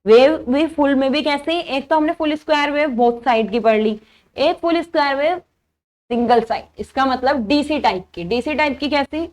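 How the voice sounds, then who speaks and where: A woman's voice: sits high, moderate pace. A young woman teaching an engineering class, working through each step aloud and answering her own questions. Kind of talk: engineering lecture.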